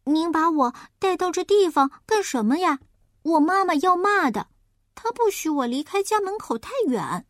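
A woman voicing a naive, chatty little boy piglet in a storybook reading, with a high, eager, innocent way of talking. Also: lively intonation, moderate pace, no echo, clean studio sound.

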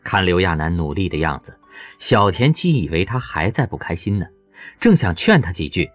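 A man reading an audiobook novel as its narrator, in a lively storytelling way. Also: low-pitched, moderate pace, dry recording, soft background music. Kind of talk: scripted narration.

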